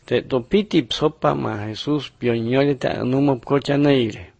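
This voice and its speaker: A man narrating numbered Bible picture lessons in a steady, measured reading style. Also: medium pitch, gravelly, dry recording. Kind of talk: scripted religious narration.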